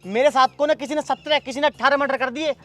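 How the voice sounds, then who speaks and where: A man's voice: very high voice, fairly even intonation, quick pace, a bit bright, no echo. A man playing a hot-headed enforcer in a rustic comedy sketch, aggressive and swaggering with crude boasts.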